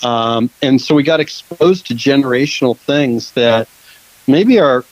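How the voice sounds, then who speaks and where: A man's voice: medium pitch, expressive, unhurried, dry recording, low-quality recording. A man from Western Washington hosting a casual interview, rambling with many fillers and restarts. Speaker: podcast host and producer.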